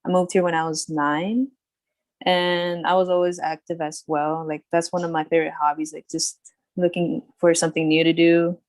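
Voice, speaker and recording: This is a young woman from California. Her voice is low and flat, and it sounds dry and close. She talks in a chatty way, with lots of "like.". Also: moderate pace, no echo. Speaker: new student.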